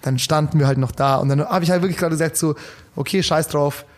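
A man, telling a story in casual chat and acting out the dialogue. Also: fairly high pitch. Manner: fast, animated storytelling with quoted dialogue and Bavarian-tinged slang.

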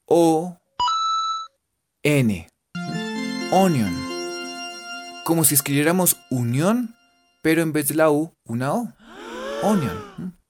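Playful Colombian teacher with a lively voice. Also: mid-range voice. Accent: Colombian Spanish. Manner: playful, spells words letter by letter, jokes. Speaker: English teacher. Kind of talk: spelling out vocabulary in a casual lesson.

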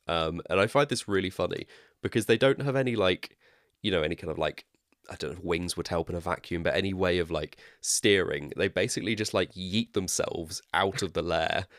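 A man with a West Country accent talks in a very deep, low voice. He explains things in a chatty, rambling way and laughs at his own tangents. The sound is dry and close, with no room echo. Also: a little fast. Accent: West Country English. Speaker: podcast co-host. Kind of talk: casual chat.

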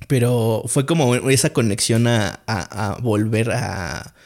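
Mexican guy on a podcast rambling through a story, super slangy, lots of o sea and fillers, mid-pitched voice. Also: slow pace, darkish tone. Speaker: podcast guest. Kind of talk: casual storytelling chat.

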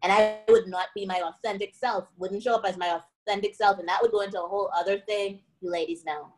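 A woman from the Bahamas talks in a lively, preachy way, driving points home by repeating them. Her voice sits in a middle register, and her delivery is casual and conversational. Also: mid-range voice, quick pace, rough recording. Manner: animated, preachy, repeats phrases for emphasis. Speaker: podcast guest, antiracism coach.

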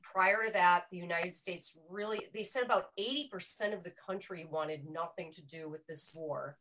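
A woman's voice: lowish voice, moderate pace, bright, forceful tone, rough recording. A woman on a film discussion panel, chatting casually and explaining history with frequent self-corrections. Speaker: panel member presenting a film pick. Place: small room with a group around one mic.

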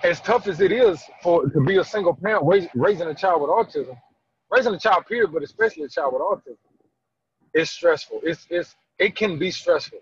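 A man with a high, lively voice speaks earnestly about fatherhood, his tone husky and slightly breathy. He stammers and restarts as he presses his points. The recording is dry and a little dull. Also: a little fast, no echo. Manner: earnest, emphatic, lots of restarts and stammered repeats. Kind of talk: candid conversational interview.

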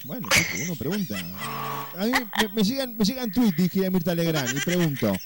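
A man's voice: sits high, big pitch swings, moderate pace, very noisy. A man with an Argentine accent hosting a comedic radio call-in, teasing the caller in a crude, mock-flirty way. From Córdoba, Argentina. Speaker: radio host.

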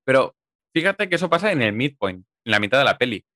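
A man from chatting casually about a film, lively and emphatic, with casual swearing. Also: mid-range voice, fast talker, no echo, clean studio sound.

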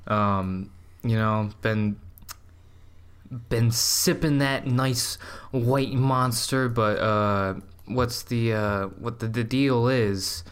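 A young man hosting a laid-back podcast, voice at an ordinary middle pitch. He rambles through stories, stopping and restarting as he laughs along. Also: clear, resonant tone. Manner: rambling, laughing, halting with fillers. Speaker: podcast host. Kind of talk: casual chat.

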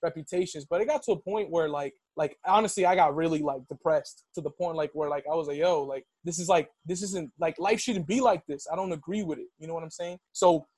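Speaking briskly with few pauses, a young Dominican man recounts something that happened to him in a husky, fairly high voice. There's no echo, and his lively casual story is full of "like" and "yo."

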